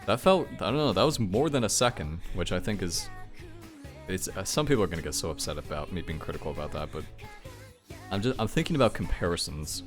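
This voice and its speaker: A low-voiced man rambles through off-the-cuff reaction commentary on video games, thinking aloud and questioning himself. He talks a little fast with lively intonation, speaking frankly and swearing now and then, while soft music plays in the background.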